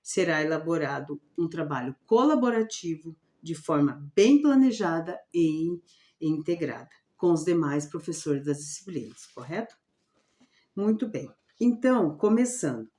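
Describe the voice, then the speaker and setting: A woman teacher explaining her reading lesson plan for a student, often checking in with a quick question. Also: low voice, sing-song, warm tone. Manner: repetitive, checks in with "certo?". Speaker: special education teacher.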